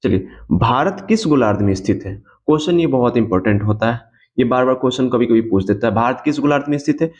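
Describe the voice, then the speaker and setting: A man's voice: mid-range voice, expressive, fast, darkish tone. A man teaching an exam coaching lecture, who repeats key points and asks and answers his own questions. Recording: dull lo-fi sound.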